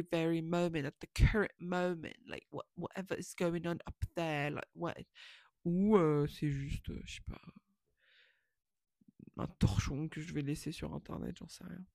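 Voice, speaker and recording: A woman's voice: lowish voice, vocal fry, darkish tone, no room sound. A woman in her twenties talking to camera in a casual, rambling and self-mocking monologue that slips in English phrases. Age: 20s. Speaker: vlogger.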